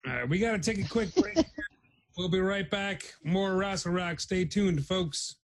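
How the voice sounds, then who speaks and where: A man hosting a casual podcast chat, running through lists quickly and laughing often. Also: high-pitched, dry recording, rough recording. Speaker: podcast host.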